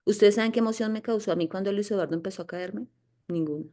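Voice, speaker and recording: A woman's voice: mid-range voice, fast talker, mellow. A woman teaching a spiritual class in a casual, emphatic way, often checking in with her listeners. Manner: emphatic, asks "¿sí?" often, mimics inner voices.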